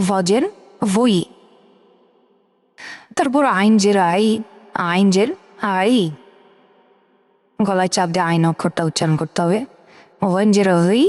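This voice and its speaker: A woman gives a slow, patient reading lesson, sounding out each syllable and saying it again. Her mid-pitched voice carries a long reverb, as if she is recording in a large hall. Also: a little mellow. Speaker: Quran reading teacher. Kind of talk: step-by-step recitation lesson.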